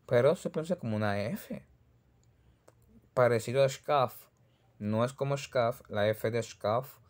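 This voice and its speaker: A man with a Caribbean Spanish accent teaches pronunciation at an unhurried, deliberate pace. His voice sits at an ordinary middle pitch, and he repeats each example word patiently as he demonstrates it. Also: a little mellow. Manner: repeats sample words slowly, patient and demonstrative. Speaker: Russian language teacher. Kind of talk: pronunciation lesson.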